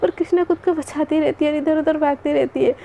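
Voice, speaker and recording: A woman's voice: high voice, steady tone, fairly quick, vocal fry, mellow, slight background noise. A young woman telling a love story in a casual, rambling way, with many fillers. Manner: chatty, rambling, filler-laden narration.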